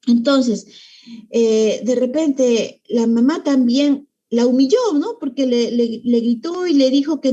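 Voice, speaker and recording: A woman with a high, husky, mellow voice gives a parenting talk. She explains step by step and keeps tacking little tag questions onto her sentences. The sound is dull and lo-fi. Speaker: parenting workshop speaker.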